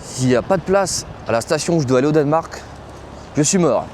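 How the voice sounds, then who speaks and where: Chatty young French trucker, outdoors. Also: male voice, fairly high pitch, lively intonation, a little fast, a little mellow, slight background noise. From France. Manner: slangy, chatty, talks straight to his viewers. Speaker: truck driver vlogger. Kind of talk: casual vlog chat. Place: truck stop outdoors, cold and windy.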